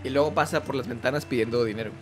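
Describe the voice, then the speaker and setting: A man's voice: mid-range voice, racing, over music. A man with a Mexican accent, chatting casually and joking while he plays and comments on a game. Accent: Mexican Spanish. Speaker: gaming YouTuber.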